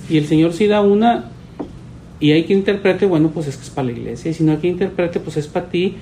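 A man, a pastor teaching his church in a relaxed, storytelling way. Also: fairly high pitch, quick pace, a little hiss or hum, rough recording. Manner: conversational, storytelling, voices quoted people.

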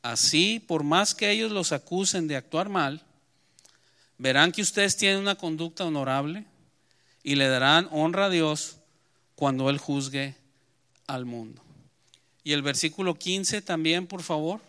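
Bright, clear-voiced pastor preaching. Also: male voice, fairly high pitch, a little slow, pauses often. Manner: emphatic preaching that swells and then drops to a quiet close. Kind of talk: sermon with scripture reading.

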